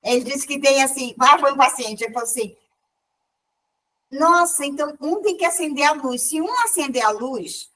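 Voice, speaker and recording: A woman with a high voice recounts a spiritual experience in a relaxed, conversational way. She keeps restarting her sentences and acts out other people's words as she goes. She sounds set back from the microphone. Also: moderate pace, distant mic, low-quality recording. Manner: storytelling with many restarts and quoted dialogue. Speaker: participant in a spiritual group meeting. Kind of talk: casual spiritual testimony.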